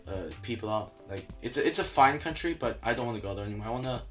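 A young man hosting a casual podcast chat, rambling and correcting himself with a tired, low-energy delivery. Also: expressive, fast, a bit bright, soft background music. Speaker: podcast host.

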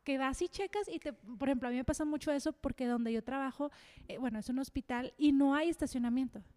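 A woman's voice: high voice, quick pace, darkish tone. A married woman, chatting casually about faith with many fillers and frequent laughs. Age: adult, married. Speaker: co-host.

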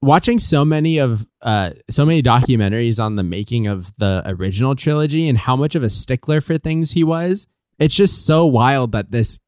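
A man co-hosting a casual film review podcast, talking in an animated, sarcastic way and laughing often. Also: mid-range voice, dry recording, clean studio sound. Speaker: podcast co-host.

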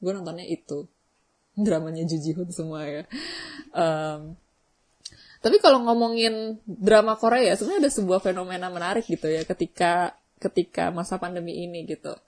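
A young woman, hosting a vlog and chatting casually with viewers, telling a story in a slangy, animated way. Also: fairly low pitch, normal speed, long pauses. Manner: chatty storytelling, slangy Jakarta-style, animated when excited. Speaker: vlog host.

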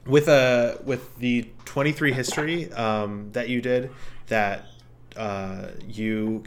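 A man's voice: lowish voice, slight background noise. A man improvising narration as game master of a tabletop game, hesitantly searching for his words.

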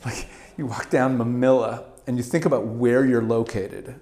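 With a medium-pitched voice and moderate pace, this middle-aged man from Canada speaks as a guest in a relaxed interview. His manner is animated, full of stammered restarts and quick laughter.

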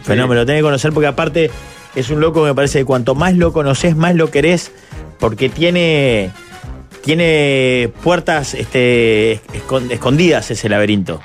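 A man's voice: medium pitch, normal speed, soft background music. A man with a Uruguayan accent hosting a radio panel, telling stories in casual, teasing banter and laughing often. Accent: Uruguayan Rioplatense Spanish.

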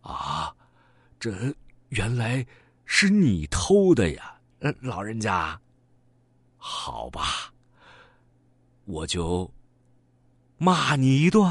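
A man playing a gentle old neighbor in a storybook tale, speaking softly with chuckling, stubborn refusals. His low voice sounds close and dry. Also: wildly swooping pitch, very slow, long pauses, husky, dry recording, heavily acted. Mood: resigned.

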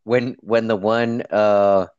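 A man co-hosting a podcast over an online voice call, chatting animatedly with quick reactions and frequent restarts. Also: lowish voice, fairly even intonation, a little mellow, highs cut off, slight background noise. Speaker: podcast co-host. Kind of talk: casual book discussion chat.

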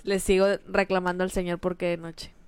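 A woman's voice: on the low side, brisk, clear, resonant tone, dry recording. A woman with a Mexican accent, co-hosting a podcast in casual chat, telling childhood stories and acting out quotes. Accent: Mexican Spanish. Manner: animated storyteller, acts out quotes. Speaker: podcast co-host.

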